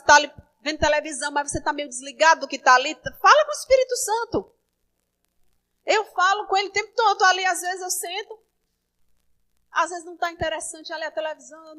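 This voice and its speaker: High-voiced woman pastor preaching. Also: rough recording. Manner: conversational preaching, swings between soft asides and emphatic calls. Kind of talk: sermon.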